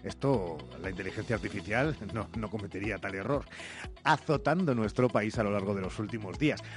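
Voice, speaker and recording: A man's voice: on the low side, brisk, faint music behind. A man with a Castilian Spanish accent hosting a live radio magazine show in a playful, teasing, theatrical manner. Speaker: radio host.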